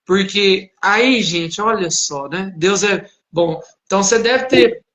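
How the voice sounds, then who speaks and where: Man, high voice, bright tone, animated storyteller, preacher. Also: slow. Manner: animated, acts out dialogue in his story. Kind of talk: casual storytelling testimony.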